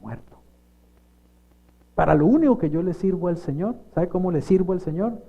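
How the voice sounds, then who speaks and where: A middle-aged man, a pastor preaching a sermon and putting lively questions to the congregation. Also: high voice, normal speed, lo-fi sound. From Colombia.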